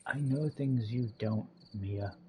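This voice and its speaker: A man's voice: mid-range voice, slow pace, a little mellow, a little hiss or hum, close to an everyday voice. A man doing an anxious young mage. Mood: worried. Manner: pleading, fearful.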